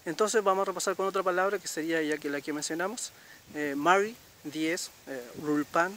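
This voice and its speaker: A middle-aged man from Chile teaching a language lesson, patiently repeating words slowly and checking in with listeners. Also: high-pitched, noisy background. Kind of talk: casual spoken lesson.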